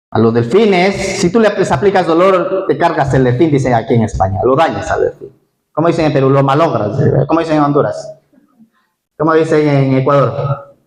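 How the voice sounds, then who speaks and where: A male pastor preaching a lively sermon, asking his congregation questions directly. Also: on the high side. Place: church hall; Spain. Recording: echoey church hall.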